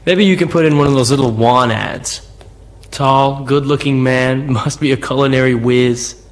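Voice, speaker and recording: A man's voice: medium pitch, moderate pace, close to an everyday voice. An actor playing a cocky, defiant teenage boy who likes to tease, in an English anime dub. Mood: teasing.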